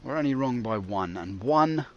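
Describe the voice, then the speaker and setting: A man's voice: medium pitch, lively intonation, normal speed, dull audio, a little hiss or hum. A man hosting a gaming video with rambling, self-mocking, dryly comic commentary. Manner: dry, self-mocking, digressive.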